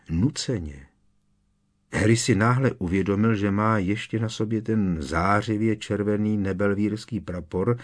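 A man narrating a fantasy audiobook in a measured storytelling manner. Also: low voice, breathy edge. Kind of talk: scripted narration.

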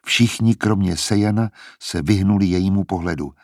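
A man narrating a novel in a steady, even storytelling voice. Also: deep voice, dry recording, clean studio sound. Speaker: audiobook narrator. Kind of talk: scripted narration.

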